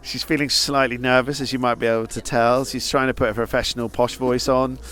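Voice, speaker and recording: A man's voice: medium pitch, little pitch movement, brisk, a bit bright. A man with a mid-range voice hosts casual interviews, teasing his guests and laughing often. He talks in easy, unscripted bursts. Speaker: podcast host interviewing stall holders. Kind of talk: casual market-stall interviews. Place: busy indoor market tent.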